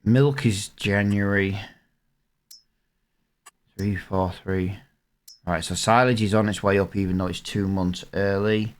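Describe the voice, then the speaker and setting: At a slow pace with frequent pauses, the host speaks in a lowish, fairly even voice that sounds congested and sniffly. He casually thinks aloud, filling gaps with ums and the like, during a let's-play of a farming game.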